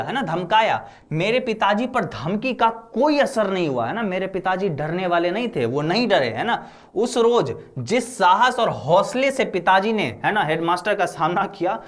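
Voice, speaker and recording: A male teacher explaining a story chapter in a casual lecture style, repeating lines often and acting out quotes. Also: sits high. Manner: repeats lines with frequent "है ना" fillers, acts out quotes. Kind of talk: explaining a Hindi lesson.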